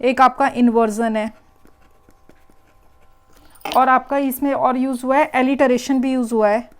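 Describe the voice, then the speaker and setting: A woman's voice: high-pitched, fairly even intonation, unhurried. A woman teacher, working through an exam paper step by step and repeating the key words. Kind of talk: exam paper walkthrough lesson.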